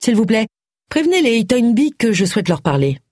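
A woman's voice: on the high side, big pitch swings, fairly quick, darkish tone, no room sound, studio quality, pitched above the performer's own voice. A reader voicing a brusque, wry middle-aged woman private detective in an audiobook. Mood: firm, wry. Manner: firm, impatient.

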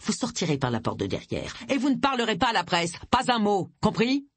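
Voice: mid-range voice, huge pitch swings, fairly quick, dry recording, pitched above the performer's own voice. A narrator voicing a stern male police inspector who gives curt, commanding orders. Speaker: detective chief inspector.

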